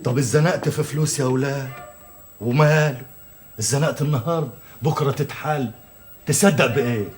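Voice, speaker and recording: An actor with an Egyptian accent, playing a hard-pressed man who blusters and then smoothly coaxes a worker he owes money, in a TV drama. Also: medium pitch, fairly quick, long pauses, soft background music, natural voice. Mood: coaxing. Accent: Egyptian Arabic. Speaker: father and businessman short of money. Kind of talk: 1980s TV drama acting.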